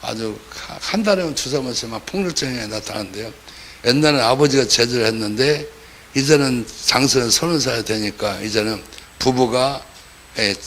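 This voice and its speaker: A man's voice: mid-range voice, fairly bright tone, a little hiss or hum. A man preaching a sermon as pastor, talking in a colloquial way and acting out the voices of the people he quotes.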